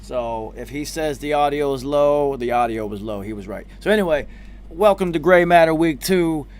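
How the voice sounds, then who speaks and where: A man's voice: fairly high pitch, expressive, moderate pace. Slangy, profane male stream host. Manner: slangy, profane, greets viewers in repeated bursts. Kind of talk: casual hype livestream chat.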